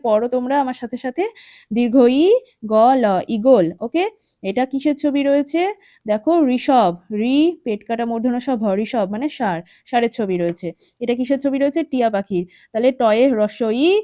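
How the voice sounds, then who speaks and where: A woman's voice: on the high side, warm tone, no room sound, studio quality. A woman teaching a first-grade textbook lesson with a West Bengal Bengali accent, patiently counting and spelling words aloud and often checking in with the children. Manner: patient, coaxing, checks in with "ঠিক আছে?". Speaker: primary school teacher.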